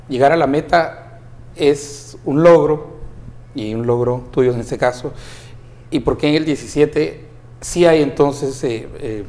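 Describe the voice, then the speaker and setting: A man's voice: medium pitch, a little mellow. Man putting careful questions on a TV panel. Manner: deliberate, framing questions carefully. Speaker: panel analyst. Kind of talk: TV panel interview. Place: TV studio.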